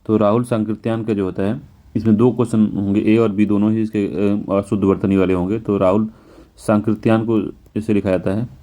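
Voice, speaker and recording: Slow, careful Hindi tutor, deep mellow man. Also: little pitch movement. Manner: repetitive, self-correcting, often says "ठीक है"; slows and stretches words to spell them out. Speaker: exam prep teacher. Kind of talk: Hindi spelling lesson walking through test answers.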